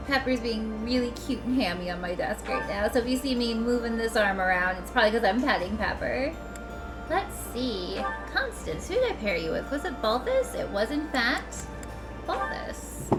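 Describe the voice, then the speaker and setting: A woman's voice: a little high, big pitch swings, moderate pace, low-quality recording. A woman giving casual commentary as she streams a game, chatty, fond and reactive. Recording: voice over clear game music.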